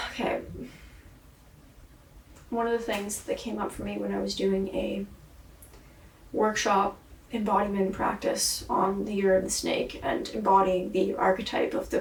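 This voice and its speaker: A vlogger and singer records a rambling, introspective video diary, swearing and sighing often and saying her voice is tired and her throat is sore. Her voice is mid-range and creaky. The room is echoey, and she is far from the mic.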